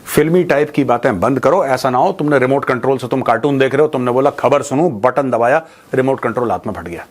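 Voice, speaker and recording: At a quick pace and in a mid-range voice, a news commentary host talks to viewers about current affairs in an informal, opinionated monologue. He mocks and speaks colloquially, asks rhetorical questions, repeats phrases to drive points home, and mixes in English.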